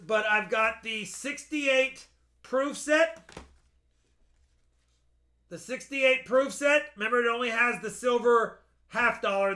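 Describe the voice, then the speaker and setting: A man gives a casual live auction sales pitch in an unusually high, bright voice. He takes his time and repeats details carefully for buyers. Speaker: host selling coins by live auction.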